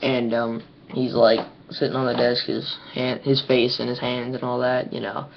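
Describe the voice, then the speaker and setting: Over a webcam mic, a teenage boy retells a comic story in a totally flat, creaky mid-range voice, moving at a moderate pace. He rambles along with plenty of ums and likes. There's faint hiss on the dull, lo-fi recording.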